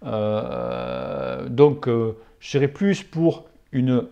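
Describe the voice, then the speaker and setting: A man answering viewer questions about cycling in a casual, plain-spoken way. His voice is gravelly and dark, and he talks bluntly and familiarly, without mincing words. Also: mid-range voice, extremely slow, highs cut off. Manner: blunt, familiar and outspoken, with crude slang.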